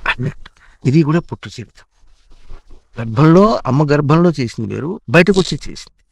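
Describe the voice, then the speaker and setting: A man, a spiritual teacher, gently instructing a child through repeated questions. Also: fairly high pitch, fairly quick, vocal fry, a little hiss or hum. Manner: animated, repetitive questioning.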